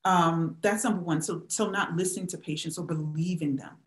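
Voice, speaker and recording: A woman's voice: lowish voice, fairly even intonation, fairly quick. A middle-aged woman, a historian, answering questions on a video call, speaking with emphasis and many rhetorical questions. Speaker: historian and professor, guest speaker. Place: small indoor room at home. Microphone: webcam on a video call. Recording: roomy webcam sound.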